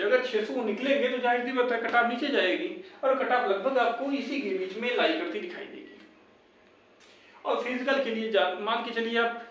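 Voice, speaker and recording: A young man with a very high, slightly bright voice hosts a YouTube channel on exam updates. Calling viewers brothers, he talks informally and insistently, going over his points again and again as he advises and encourages them. The audio is very echoey, captured from far off the mic.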